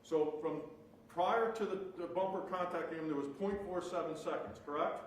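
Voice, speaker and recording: A defense attorney cross-examines a witness, his slightly high voice at a moderate pace as he poses leading questions ending in "correct?". The courtroom recording is echoey, captured by a distant mic with faint noise.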